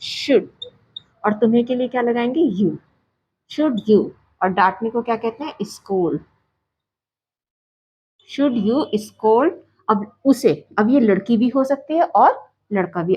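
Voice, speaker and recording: Brief: female english tutor, husky, slightly high, quizzes then answers herself. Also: dull audio. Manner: asks questions and answers them herself, repeats phrases slowly. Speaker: English teacher. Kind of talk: Hindi-medium English grammar lesson.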